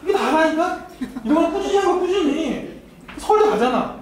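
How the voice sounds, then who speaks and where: High-voiced man lecturing in an echoey hall. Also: expressive, moderate pace. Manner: teasing, talks straight to students with frequent laughter. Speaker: academy admissions lecturer. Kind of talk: university admissions seminar talk. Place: seminar hall. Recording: very echoey hall, mic far off, faint noise.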